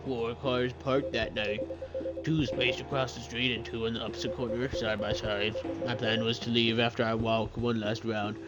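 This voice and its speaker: A man reading a game's lines as a gruff father and night guard, telling a spooky story with slow, dramatic emphasis. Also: mid-range voice, little pitch movement, natural voice, poor audio. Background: loud game music.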